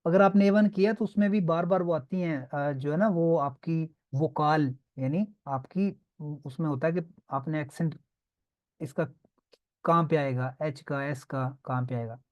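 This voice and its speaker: A man's voice: on the high side, unhurried, highs cut off. A man teaching a beginners' online class, patiently drilling sounds and often checking that students follow. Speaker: language teacher.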